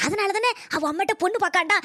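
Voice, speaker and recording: A fretful, shrill village mother. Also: bright, forceful tone, dry recording, clean studio sound. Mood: worried. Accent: Kanyakumari Tamil. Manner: fretful, fast, dialect-heavy. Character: worried fussy village mother, tearful and anxious.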